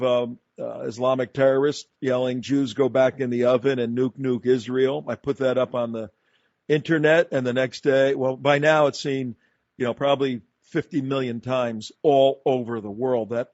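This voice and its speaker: An emphatic man hosts a talk radio show, pressing his argument in long, run-on sentences. His voice sits at an ordinary pitch. The studio sound is dry and a bit dull. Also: darkish tone, no echo.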